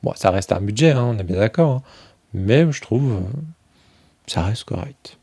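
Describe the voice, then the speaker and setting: A man chatting casually through a review of a tarot deck, filling pauses with "euh" and thinking aloud as he goes. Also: fairly low pitch, animated, dark tone, breathy edge, dry recording. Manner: chatty, many fillers, thinks aloud while flipping cards.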